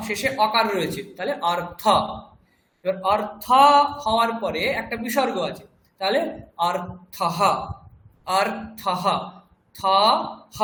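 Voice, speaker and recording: A high-pitched man with a Bengali accent teaches a classroom lesson, slowing down to repeat each word so students can copy it. The room rings with echo, and a faint hum of background noise sits under his voice. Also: fairly bright tone. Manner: patient, repeats words slowly to model pronunciation. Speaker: Sanskrit teacher. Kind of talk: classroom lesson explaining pronunciation.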